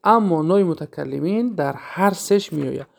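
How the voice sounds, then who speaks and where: A man's voice: a little high, animated, vocal fry. A man with a Tajik accent teaching an Arabic grammar lesson, explaining step by step, asking and answering his own questions, and drawing out the Arabic examples. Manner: drawn-out chanting of Arabic examples.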